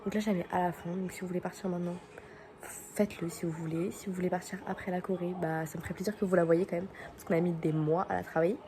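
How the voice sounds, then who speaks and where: A woman's voice: fairly low pitch, fairly even intonation, quick pace. A young woman talking casually to her viewers as a vlogger. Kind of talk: casual vlog talk to viewers. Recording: background chatter and noise.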